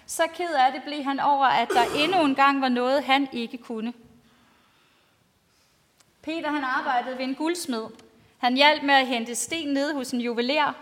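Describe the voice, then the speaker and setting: A woman pastor giving a storytelling sermon to a congregation in simple, plainly spoken language. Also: high voice. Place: large reverberant church, speaking to a congregation. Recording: long church-like hall reverb.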